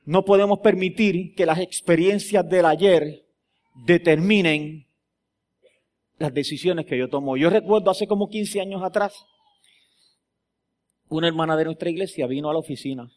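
A male pastor with a notably high voice delivers a sermon. He rises into loud, emphatic declarations, then drops into hushed, close storytelling. He keeps drawing the congregation in with questions. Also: normal speed, long pauses. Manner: swings from loud emphatic preaching to quiet storytelling; asks the congregation rhetorical questions.

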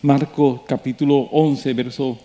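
A man's voice: medium pitch, a little slow. A male preacher, telling a story and building to emphatic sermon preaching. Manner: animated, rising to emphatic preaching.

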